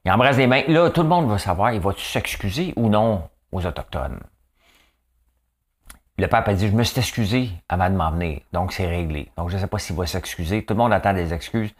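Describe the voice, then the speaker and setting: A man's voice: deep voice, expressive, brisk. A man with a Quebec French accent and a nasal voice, hosting a casual, joking commentary monologue and tagging his sentences with "hein". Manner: chatty, joking, fills talk with "hein". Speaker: show host.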